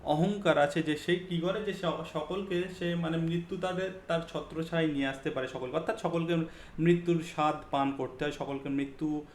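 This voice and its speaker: A man's voice: a little high, steady tone, normal speed, a little hiss or hum. A man teaching an exam-focused poetry lesson, explaining step by step, mixing in English terms and checking that students follow. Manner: mixes English terms into speech, frequent fillers. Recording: echoey room.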